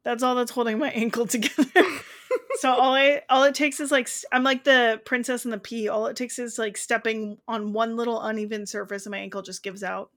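A woman's voice: on the high side, steady tone, fairly quick. A young woman co-hosting a podcast, chatting casually and laughing at herself. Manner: chatty, self-mocking, laughs often. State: on crutches. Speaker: podcast co-host. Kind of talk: casual chat.

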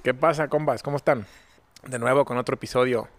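A man's voice: mid-range voice, steady tone, fairly quick. A man in his thirties with a Mexican accent, co-hosting a podcast in casual, joking chat and laughing often. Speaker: podcast co-host.

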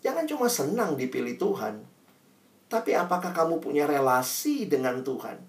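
A young man preaches to students in a chatty, lively way, stressing key words with sudden bursts. His voice sits in a roomy space, picked up from a distance. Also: medium pitch, normal speed. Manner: conversational, acts out quotes, sudden loud emphasis. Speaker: youth preacher. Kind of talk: sermon to students.

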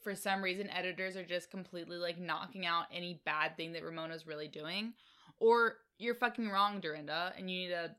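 Bright-voiced chatty young woman. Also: lowish voice, steady tone, a little fast. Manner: chatty, blunt, filler-heavy. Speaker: podcast co-host. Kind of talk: casual recap chat.

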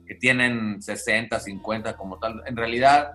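A man's voice: lowish voice, steady tone, moderate pace, sharp tone. A man co-hosting a podcast, discussing a director's films in a reflective, hesitant way with restarts. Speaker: podcast co-host. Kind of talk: casual film discussion.

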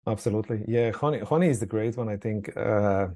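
A man's voice: fairly low pitch, a little fast, warm tone. A man from Croatia, a company founder being interviewed, talking casually with many repeated words and fillers. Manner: hesitant, frequent word repeats and fillers. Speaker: skincare company founder, guest.

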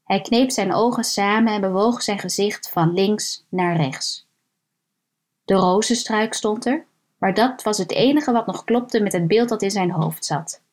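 A woman reads a suspense story aloud at a steady, even pace. Her voice sits in a middle range and stays calm and measured, slowing down at the tense moments. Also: medium pitch. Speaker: narrator. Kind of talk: scripted narration of a thriller story.

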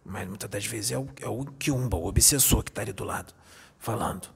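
A man speaking as a male spirit guide in a raspy voice, teaching with emphatic repetition and rhetorical questions. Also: lowish voice, fairly quick, heavily acted. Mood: stern. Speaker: medium channeling a spirit.

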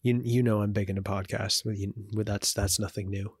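A man with a fairly low voice chats casually as a podcast co-host. He rambles, filling gaps with ums and restarting his sentences. The sound is dry and close, with no room echo. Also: level tone, fairly quick, husky. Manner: rambling, many fillers and restarts.

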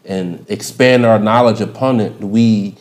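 Playful low-voiced male podcast host. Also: unhurried, darkish tone. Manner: playful, rambling, laughs often. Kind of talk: casual podcast chat.

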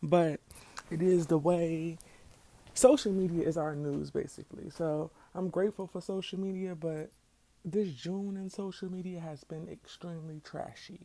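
A woman's voice: fairly low pitch, fairly even intonation, moderate pace, mellow. A young woman hosting her own podcast in loose, casual chat, her voice still groggy from the morning. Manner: chatty, loose and conversational. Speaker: podcast host. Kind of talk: casual solo podcast talk.

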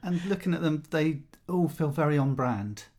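A podcast host asking quick, wry questions in a casual interview. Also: medium pitch, animated, darkish tone.

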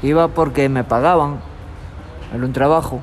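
A young man from Galicia, a street guitarist, talking in a relaxed, rambling way in an outdoor tunnel. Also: medium pitch, moderate pace, a little hiss or hum. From Galicia, Spain. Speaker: street musician. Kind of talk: street interview. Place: tunnel in a city park, outdoors.

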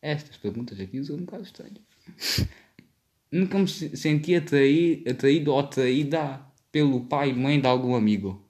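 A man's voice: mid-range voice, moderate pace, darkish tone. A young man with a European Portuguese accent in casual banter with friends, reading out party questions and swearing in slang. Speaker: podcast co-host reading out game questions.

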